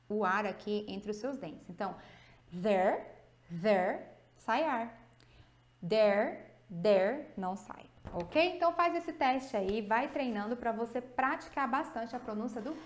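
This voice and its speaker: A woman with a Brazilian accent teaching an English grammar video lesson, explaining with lively emphasis and slowly drawing out her example words. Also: a little high, roomy sound. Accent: Brazilian Portuguese.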